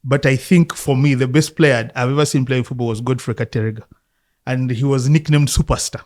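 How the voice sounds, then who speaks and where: A Ugandan football coach in his fifties, whose first language is Luganda, tells his life story in a relaxed interview. He is reflective and often laughs, speaking at medium pitch and a little fast.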